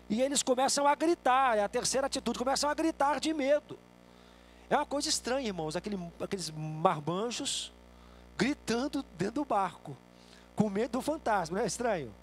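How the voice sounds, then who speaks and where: A man preaching a sermon as guest pastor in a church, acting out quotes loudly and then dropping to a soft voice. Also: high voice. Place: church sanctuary.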